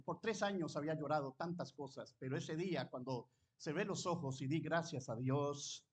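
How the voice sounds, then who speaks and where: A man preaching a sermon, fervent, switching between loud exclamations and quiet personal storytelling. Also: fairly high pitch, breathy edge. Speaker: pastor.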